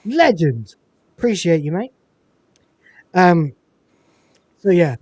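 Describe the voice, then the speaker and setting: Talking slowly in a high-pitched voice, this man hosts a laid-back movie review podcast. He stays animated throughout, cursing occasionally and doing put-on voices when he quotes lines from films.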